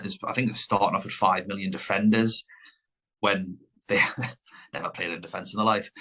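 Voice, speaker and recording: A man with a fairly low voice co-hosts a podcast in easy, casual chat. He rambles and corrects himself as he goes, circling back over his own points. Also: pushed and bright. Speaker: podcast co-host.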